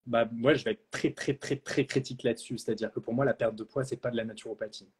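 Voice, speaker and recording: This naturopath and trainer answers questions live, talking fast in a husky, darkish, medium-pitched voice that stays steady in tone. He is blunt and outspoken, though he hesitates frequently.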